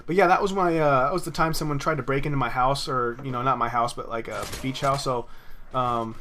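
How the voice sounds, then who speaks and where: A man's voice: medium pitch, fairly even intonation, brisk, pushed and bright, a little hiss or hum. A young man telling a personal story in a rambling, profane way while commenting on his gameplay. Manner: rambling, profane, with many restarts. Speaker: gaming commentator. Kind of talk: casual storytelling over gameplay.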